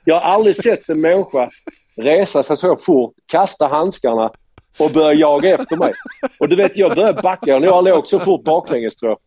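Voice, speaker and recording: A man from Sweden, a former hockey player, telling an animated anecdote with many restarts. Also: fairly high pitch, muffled recording. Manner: animated storyteller, many restarts, quotes others.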